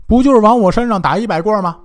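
A man's voice: high-pitched, rapid-fire, natural voice. A man voicing a hearty, generous middle-aged hero, talking in a reassuring, easygoing way. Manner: warm, reassuring, brushes off trouble.

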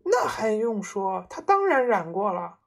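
A woman voicing a shrill, hysterical middle-aged housewife who shrieks and scolds. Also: sing-song, measured pace, vocal fry, faint music behind, heavily acted. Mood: scolding.

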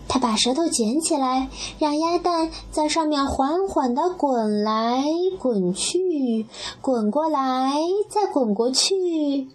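A woman gently reading a children's story aloud and speaking to the child listener. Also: high voice, expressive, takes it slowly.

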